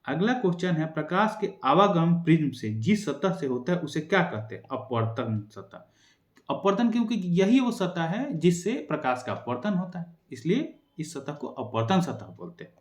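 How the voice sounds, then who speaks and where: A young man teaching an exam-prep science lesson, quickly asking and answering his own questions. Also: on the high side, sing-song, roomy sound.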